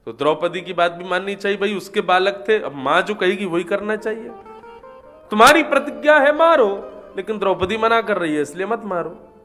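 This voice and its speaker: A man's voice: sits high, brisk, fairly bright tone, soft background music. A man telling a scripture story in a devotional discourse, voicing the characters and chanting verses.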